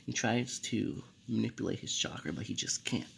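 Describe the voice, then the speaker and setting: A man's voice: on the low side, moderate pace, vocal fry, fairly bright tone, a little hiss or hum. A young man casually narrating a fan-made anime story, rambling with fillers and restarts.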